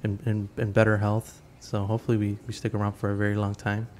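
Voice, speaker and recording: A fairly low, darkish male voice delivers everything completely flat and fast. He's in his thirties, hosting a podcast from home as a casual interview chat, friendly and eager yet frequently tripping over and repeating words as he asks things.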